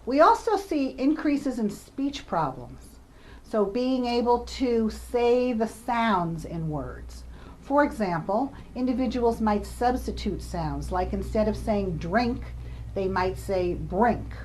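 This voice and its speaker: A woman researcher lectures on communication disorders in a recorded presentation, explaining points with examples and the odd filler. Her voice is fairly high and darkish in tone, very animated, and she takes her time.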